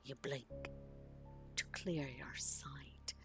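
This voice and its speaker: A woman narrating a second-person story, often sinking to a whisper and swelling louder in tense moments. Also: very deep voice, extremely slow, over music. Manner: often drops to a whisper, swells loud for action.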